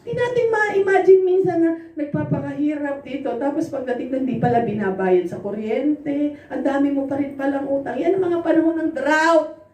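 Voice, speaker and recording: Woman preacher, very high voice, lively storyteller who laughs through her sermon, heard from afar in an echoing hall. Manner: animated, laughs often, acts out quoted dialogue. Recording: roomy echo, voice from far off.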